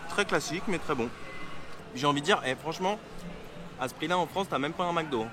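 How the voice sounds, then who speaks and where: A man's voice: on the high side, a little fast, background noise. Tired, chatty man vlogging outdoors. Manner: relaxed, chatty, laughs often. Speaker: travel vlogger. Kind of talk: casual travel vlog chat. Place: outdoors in a town, at a street restaurant.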